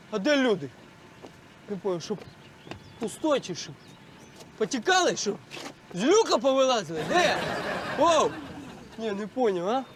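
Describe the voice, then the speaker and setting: A jumpy, superstitious highway cop yelps in a very high, strained voice and mixes Russian words into his Ukrainian. The take is outdoors by a road, with clear noise behind it. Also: fairly bright tone, exaggerated voice. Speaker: traffic police officer. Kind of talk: comedy sketch acting.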